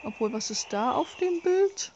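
Female let's player, higher-pitched and unhurried, sarcastic rambling, some background noise. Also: animated, darkish tone, highs cut off. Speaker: let's play host. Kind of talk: casual horror game let's play commentary.

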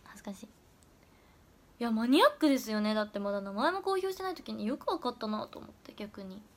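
A young woman, an idol trainee, chatting casually on a livestream and answering viewer comments, often dropping into soft whispers. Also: a little high, expressive, brisk. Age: young adult.

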